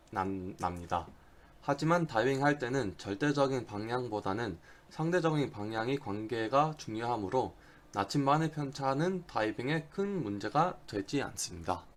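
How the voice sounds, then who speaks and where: Man lecturing in non-native Korean. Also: medium pitch. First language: not Korean. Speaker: diving instructor giving a lecture. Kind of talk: instructional slide presentation.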